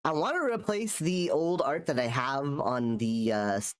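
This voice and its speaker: A fairly high-pitched man talks unhurriedly as he draws during a live stream. The artist is nasal from a cold and chats casually in a rambling way, restarting sentences.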